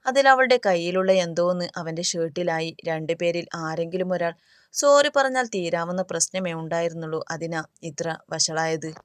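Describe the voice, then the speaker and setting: A woman's voice: lowish voice, moderate pace, clear, resonant tone, no room sound, studio quality, close to an everyday voice. A woman voicing a middle-aged male bystander who explains a quarrel in a resigned way.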